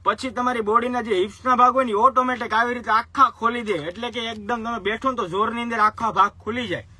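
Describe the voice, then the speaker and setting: Guy selling clothes on a live stream, high voice, chatty pushy sales patter, repeats stuff. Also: fairly even intonation, fast talker, pushed and bright, dry recording. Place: clothing shop.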